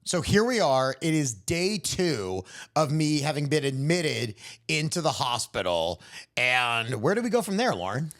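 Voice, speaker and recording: A man's voice: mid-range voice, sing-song, unhurried, a bit bright. A man co-hosting a podcast, speaking in jokey, self-mocking banter. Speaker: podcast co-host. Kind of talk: joking podcast chat.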